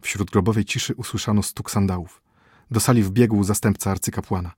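A man narrating a story as an audiobook, telling it in a steady, dramatic way. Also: on the low side, fairly quick, slightly rough, no echo, studio quality.

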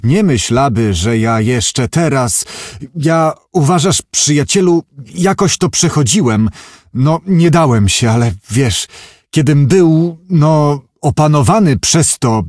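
A man's voice: on the high side, lively intonation, takes it slowly, darkish tone, no echo, studio quality, pitched above the performer's own voice. A man reading an audiobook, voicing a gloomy, shaken businessman who talks in anxious, confiding tones. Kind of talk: audiobook character voice.

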